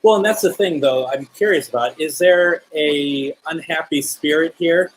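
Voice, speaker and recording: On a rough recording with a little hiss or hum, a fairly high-voiced man talks at a moderate pace. He's running a live paranormal stream, casually chatting and directing questions at both spirits and his audience, speaking conversationally to listeners no one can see.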